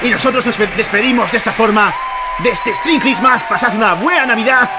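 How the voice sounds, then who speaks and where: A man with a Spain accent giving excitable, exclamatory live wrestling commentary and calling out moves. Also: very high-pitched, fairly quick. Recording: noisy sports hall, loud crowd. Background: loud crowd and hall noise.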